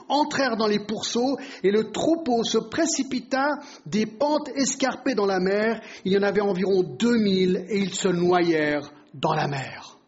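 High-voiced man teaching the Bible. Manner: explanatory, asks the listeners rhetorical questions. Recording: dull lo-fi recording.

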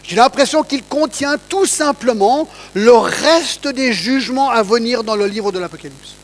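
High-voiced man teaching scripture. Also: a little slow, poor audio. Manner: asks listeners to check in, reads scripture aloud. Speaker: Bible teacher. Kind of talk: conversational Bible teaching.

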